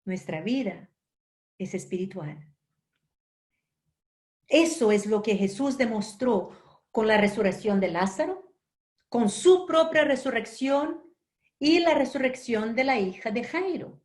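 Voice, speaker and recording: A woman from Brazil gives a spiritual lecture, her voice sitting a little high. She tells a personal story gently and without hurry, dropping soft asides as she goes. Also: lively intonation, a little slow, pauses often.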